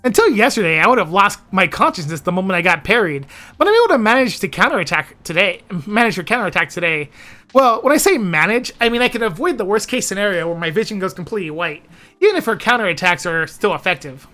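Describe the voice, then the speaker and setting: A woman's voice: medium pitch, very animated, fast, pushed and bright. A woman reading first-person visual novel narration expressively as narrator of a playthrough. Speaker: narrator and editor of a playthrough series.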